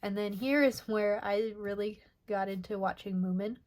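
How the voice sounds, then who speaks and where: A young woman casually narrating over her sketchbook pages, soft and rambling with many pauses and filler words. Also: medium pitch, steady tone. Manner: soft, rambling, many ums and self-corrections. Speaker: artist showing her sketchbook.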